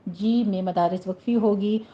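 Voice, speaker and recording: A woman teaching Quran recitation rules, explaining each word, then reciting it slowly and carefully. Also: mid-range voice, steady tone, highs cut off. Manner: instructive, drawn-out recitation of single words.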